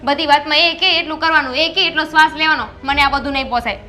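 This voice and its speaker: Brief: actress as a domineering sister-in-law, high and bright, scolding. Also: female voice, steady tone, quick pace, faint music behind. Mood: angry. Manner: scolding, sharp and demanding. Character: bossy young sister-in-law, quarrelsome. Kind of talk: family drama acting.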